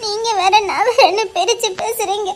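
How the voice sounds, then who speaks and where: A very high, thin voice belonging to an anxious young wife, played by a woman who talks in a soft, pleading way with a Tirunelveli Tamil accent. Her voice keeps breaking with tears, yet she stays firm. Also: normal speed. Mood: tearful pleading. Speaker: actor. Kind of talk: melodramatic web-series acting.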